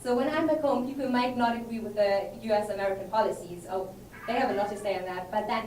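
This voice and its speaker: A woman's voice: medium pitch, quick pace, a little mellow. A young woman from Germany giving an earnest, emphatic student presentation at a conference. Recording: roomy hall, distant mic, faint noise.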